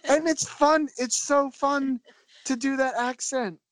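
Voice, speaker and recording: A man's voice: extremely high pitch, fairly even intonation, takes it slowly, no echo. A young man from Philadelphia, a guest on a podcast, chatting casually in a rambling, self-deprecating way and laughing often. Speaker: podcast guest, album designer. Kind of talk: casual chat.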